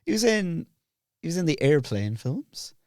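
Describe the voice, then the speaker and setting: A man hosting a podcast in casual chat, relaxed, laughing a lot and chiming in with quick agreement. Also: on the high side, no room sound, clean studio sound. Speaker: podcast host.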